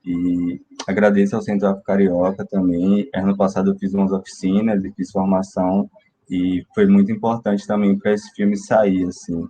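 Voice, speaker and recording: Low, dark-voiced young man. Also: flat delivery, moderate pace, a little hiss or hum, poor audio. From Salvador, Bahia, Brazil. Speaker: filmmaker and film student. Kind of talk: casual panel introduction. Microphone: video call.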